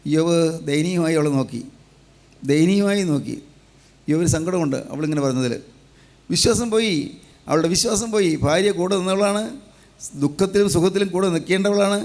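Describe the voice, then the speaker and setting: High voiced guy preaching, repeats every line for emphasis. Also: moderate pace, long pauses, darkish tone. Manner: emphatic, repetitive preaching cadence. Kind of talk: sermon.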